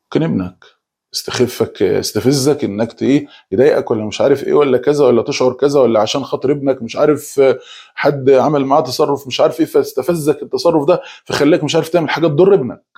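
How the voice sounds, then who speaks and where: A man preaching with an Egyptian Arabic accent, talking quickly with frequent restarts and repeated words. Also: medium pitch, warm tone, husky. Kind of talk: religious talk.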